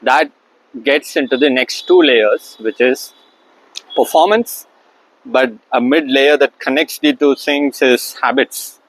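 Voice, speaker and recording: Filmed on his own camera placed across the room, a middle-aged Indian host whose first language is Tamil muses through his ideas. He's full of fillers like "uh" and keeps restarting, his pitch in an ordinary male middle range, and the recording is rough.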